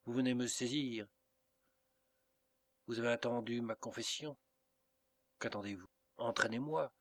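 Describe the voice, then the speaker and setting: A man's voice: mid-range voice, a little slow, fairly bright tone. A man reading the part of a guilt-ridden old father who fears judgment, in a somber, despairing voice.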